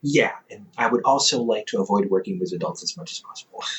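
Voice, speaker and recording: In an audio roleplay, a man voices a playful young adult older brother who works as a company therapist, teasing the listener and laughing often. His lowish voice is animated, fairly quick and lightly acted, and the audio quality is poor.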